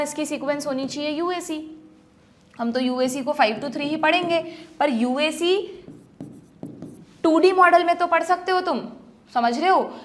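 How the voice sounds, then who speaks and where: High-voiced woman teaching a biology class. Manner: explains step by step, often asks students if they follow; addresses students as children, mixes English terms into Hindi. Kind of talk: exam-prep lecture.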